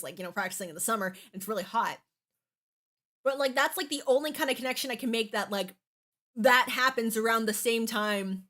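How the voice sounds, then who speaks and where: A woman giving casual, opinionated commentary as an anime reviewer, speaking haltingly with false starts and lots of fillers. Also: a little high, sharp tone.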